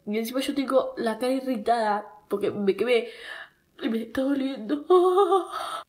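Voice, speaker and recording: A young Argentine woman with a bright, fairly high voice chats casually into her phone for followers. She has a cold, so she sounds stuffed up. She jokes at her own expense and whines when something hurts. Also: moderate pace. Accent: Argentine Spanish. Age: young adult. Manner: chatty, self-mocking, whiny when in pain. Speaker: TikTok creator. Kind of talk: casual vlog chat.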